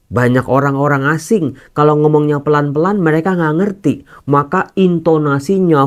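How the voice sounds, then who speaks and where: A man, a priest teaching scripture in a sermon, earnest and direct, slipping casual asides into formal teaching. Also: on the high side. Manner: earnest, addresses listeners as brothers and sisters.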